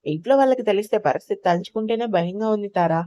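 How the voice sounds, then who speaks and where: A woman voicing a calm, protective young sister-in-law who talks in a steady, reassuring way in an audio story. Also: mid-range voice, fast, dry recording, studio quality, close to an everyday voice. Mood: earnest.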